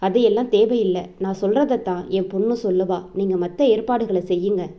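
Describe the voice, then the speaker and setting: A woman's voice: mid-range voice, steady tone, a little fast, warm tone, close to an everyday voice. A woman reading the lines of a middle-aged father in a story who speaks firmly and emphatically. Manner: firm, emphatic.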